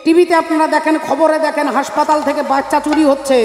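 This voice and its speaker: A woman's voice: high voice, flat delivery, quick pace, darkish tone. A woman kirtan singer telling a devotional story, addressing the audience directly with refrains. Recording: echoey hall, music behind.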